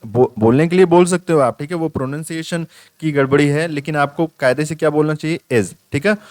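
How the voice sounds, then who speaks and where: Male tutor, smooth dry voice. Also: a little high, darkish tone, dry recording. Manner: explains step by step, repeats "ठीक है" often; reads English questions out slowly. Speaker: exam tutor. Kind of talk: casual exam-prep lecture.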